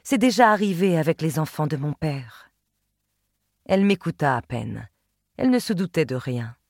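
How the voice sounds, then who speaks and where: A woman reading a literary novel aloud in a measured, expressive first-person telling, close to the mic. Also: deep voice, dry recording. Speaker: audiobook narrator. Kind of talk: literary audiobook narration.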